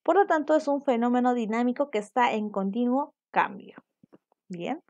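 A woman's voice: a little high, lively intonation, moderate pace, a little mellow, muffled recording. A young adult woman from Peru, teaching a virtual class and explaining points while checking in with her students. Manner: explanatory, asks students for confirmation.

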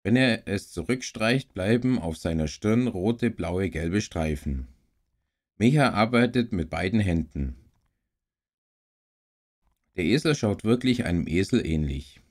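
Slow, low-voiced man reading a story. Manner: slow, calm, even reading. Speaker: story reader and streamer.

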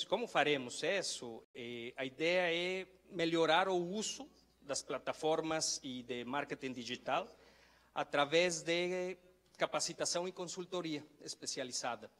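A man's voice: on the high side, fairly bright tone. A middle-aged man giving a conference presentation, hesitant and often correcting himself. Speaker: trade promotion representative. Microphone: handheld microphone. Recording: reverberant conference hall.

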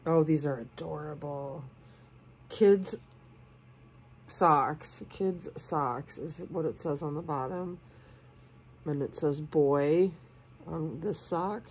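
A woman with a cold, sounding congested and sniffly, gushing softly as she unboxes doll clothes and sometimes dropping to a whisper. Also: sits low, slight background noise. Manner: gushing, soft-spoken, sometimes drops to a whisper. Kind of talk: casual unboxing chat.

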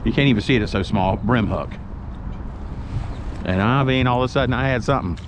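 A middle-aged man, narrating his fishing trip to an action camera in excited, folksy commentary. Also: medium pitch, brisk. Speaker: fishing vlogger. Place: outdoors on a windy waterfront. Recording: outdoor wind and boat noise. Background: wind and water ambience.

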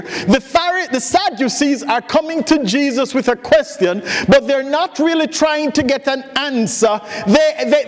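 A man pastor preaching a sermon, telling a joke in a folksy storytelling way, with frequent restarts. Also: very high-pitched. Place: church sanctuary. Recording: echoey church hall.

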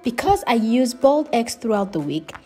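A woman's voice: a little high, sing-song, normal speed, a little mellow, slightly rough, faint music behind. A woman hosting her cooking channel, giving friendly step-by-step instructions in a voice-over. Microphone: voice-over, not recorded on camera.

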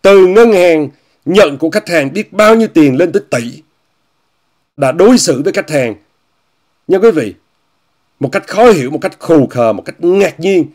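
A man delivers a casual commentary monologue in a somewhat high voice. He speaks straight to his viewers, repeats his phrases and mocks what he discusses. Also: expressive, measured pace, pauses often, a little mellow. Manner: repetitive, often repeats phrases and says "quý vị" often; scornful, mocking tone. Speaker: commentator hosting an online talk show.

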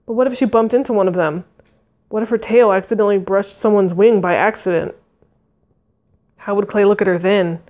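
A woman's voice: mid-range voice, steady tone, a little fast, pauses often, a little mellow. A woman reading a fantasy novel aloud, narrating expressively and voicing the dialogue. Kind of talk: audiobook reading.

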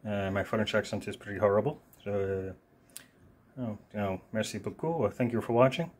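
A man with a fairly low voice, rambling through an off-the-cuff product demo. He talks loosely, fills his pauses with ums and uhs, and walks the viewer through each feature in turn. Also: darkish tone, breathy edge. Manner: casual, rambling, many fillers. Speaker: product reviewer. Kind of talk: unscripted one-take product demo.

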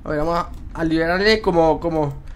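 A man's voice: on the high side, a little fast, slight background noise. A young man commenting on a horror game, jokey and acting scared, using plenty of slang. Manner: jittery, jokey, feigning fright, slangy. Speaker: gaming YouTuber. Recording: game music behind.

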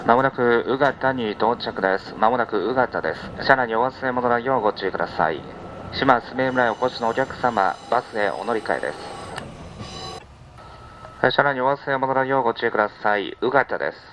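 A man's voice: mid-range voice, brisk. A man working as a train conductor, making live, politely formulaic onboard announcements. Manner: formulaic, repeated polite phrasing. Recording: muffled train PA, cabin noise. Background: train cabin noise.

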